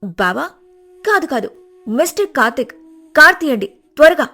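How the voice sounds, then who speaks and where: A woman voicing a fierce, protective older sister in an animated storybook, speaking forcefully and urgently. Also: high-pitched, normal speed, voice pushed up.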